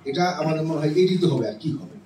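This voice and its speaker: A man's voice: fairly high pitch, expressive, rapid-fire, dark tone. A middle-aged man, a professor, giving an explanatory classroom lecture on music theory and checking in with his listeners often. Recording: roomy and distant with faint noise.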